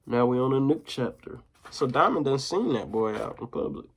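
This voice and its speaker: A man reading a children's chapter book aloud in a mid-range voice, lively in places. He breaks off for relaxed, slangy comments to young listeners. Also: mid-range voice, moderate pace, a little hiss or hum. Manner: casual, slangy asides to listeners. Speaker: teacher.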